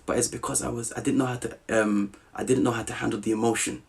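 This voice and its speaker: A man from Southeast London, with a South London accent, tells a personal story as a podcast guest in a lively, casual way, often checking that the listener is still with him. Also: medium pitch, fast talker, gravelly. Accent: South London English. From Southeast London, England. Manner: animated, checks in often with "you with me?".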